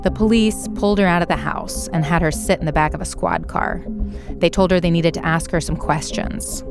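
A woman narrating a documentary podcast in a measured, matter-of-fact scripted style. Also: fairly low pitch, fairly even intonation, vocal fry, over music.

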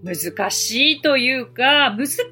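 A woman's voice: high voice, animated, slow, sharp tone, faint music behind. A woman hosting a podcast lesson as an English teacher, explaining things step by step in a friendly, encouraging way.

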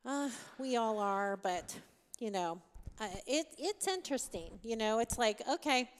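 A woman co-hosting a podcast in casual chat, quick to agree and laugh along. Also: on the high side, animated, smooth, long reverb tail. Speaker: podcast co-host.

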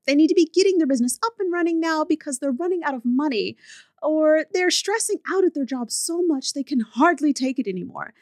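A woman's voice: high-pitched, lively intonation, a little fast, a little mellow, dry recording, studio quality, voice pushed up. A woman doing a chirpy female business coach. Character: eager upbeat female business coach blogger.

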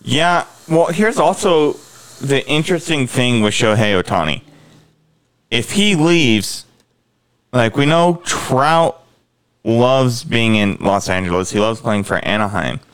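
A man's voice: mid-range voice, expressive, slow pace, a bit bright, smooth. A man co-hosting a podcast in casual sports chat, rambling on and putting questions to his co-host.

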